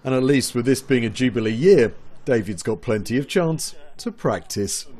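A man's voice: medium pitch, lively intonation, moderate pace, dark tone, a little hiss or hum. A man reading scripted television news narration as a reporter.

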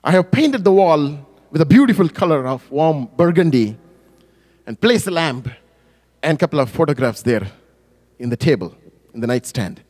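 A male pastor with a fairly high voice preaches a story. He tells it with feeling, his voice climbing and dropping, and he corrects himself mid-phrase now and then. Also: expressive, moderate pace, a little mellow. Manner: emotive, rising and falling in pitch and volume; self-correcting with small restarts. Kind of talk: sermon storytelling.

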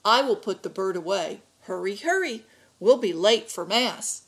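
A woman's voice: medium pitch, expressive, measured pace. A woman voicing a stern, practical grandmother in a read-aloud storybook, matter-of-fact and bossy. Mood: hurried.

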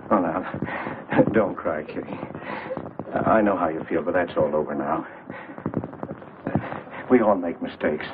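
A man's voice: sits low, slow. An actor playing a timid, lovesick older man who stammers as he pleads, in 1940s film noir style. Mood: pleading. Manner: hesitant and stammering. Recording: tinny noisy 1940s film soundtrack.

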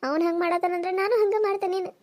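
A woman's voice: very high-pitched, flat delivery, rapid-fire, a little mellow. A woman voicing a wronged young village wife in a cartoon serial, with a North Karnataka Kannada accent, pleading and tearful.

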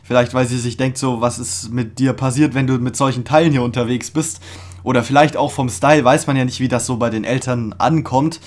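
A young man hosting a casual music reaction, talking in an excited, slangy way with many fillers and restarts, recorded in a small room. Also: medium pitch, brisk. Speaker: reaction video host. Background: faint music playing.

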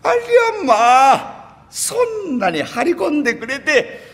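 A man's voice: very high-pitched, sing-song, a little slow, fairly bright tone, voice pushed up, heavily acted. A man voicing a humble, tearful old country man who talks in a quavering rustic way. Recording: reverberant live hall.

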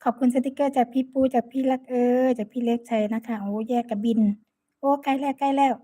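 Fast and steady, with a dark tone despite sitting on the high side, this woman's voice greets and thanks live-stream viewers by name in casual chat. She has an Isan accent and comes from Sakon Nakhon in Northeast Thailand. She records on a phone.

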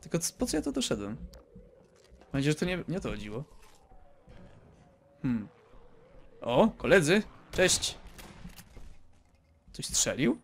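A man's voice: fairly high pitch, huge pitch swings, measured pace, vocal fry, long pauses. A man giving casual, joking commentary while playing a video game, rambling, exclaiming and talking to viewers and game characters. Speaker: let's play gamer.

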